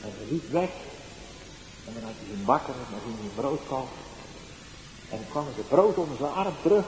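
A male evangelist, giving a sermon with personal testimony, going from soft storytelling to loud exclaiming. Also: mid-range voice, animated, brisk. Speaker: evangelist preacher. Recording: roomy echo, faint background noise.

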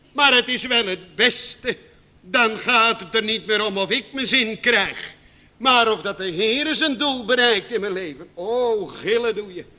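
A man preaching a sermon to his congregation, slow and emphatic, with dramatic repetitions. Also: sits high, bright, forceful tone.

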